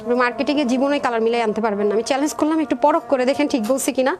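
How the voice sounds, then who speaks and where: A woman presenting dresses in a live sales stream, chatty and rapid, calling viewers sister. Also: sits high. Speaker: online clothing seller.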